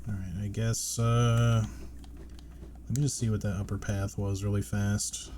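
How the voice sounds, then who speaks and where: Male gamer, low and relaxed, casual playthrough commentary with muttered asides, faint noise behind. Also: a little slow. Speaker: gaming streamer playing and commenting. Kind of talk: casual let's play commentary.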